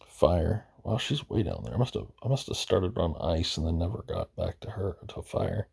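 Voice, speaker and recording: A man's voice: deep voice, lively intonation, normal speed, gravelly, darkish tone, breathy edge. A man giving casual, rambling commentary while browsing a video game roster, hesitant and often correcting himself, losing his voice. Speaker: gaming video host.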